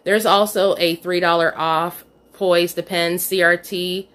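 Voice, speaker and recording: Speaking at a measured pace in a lowish, level voice with a fairly bright tone, this couponing vlogger casually goes through her shopping haul at home. She films on a phone camera from off screen, chatting away and chiding herself about a missed coupon.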